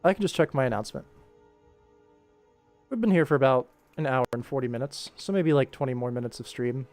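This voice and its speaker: A livestream host and animator chats easygoingly with viewers, answering them and explaining his work as he goes. His mid-range voice is fairly quick and a little mellow; the recording is dry, with music playing behind him.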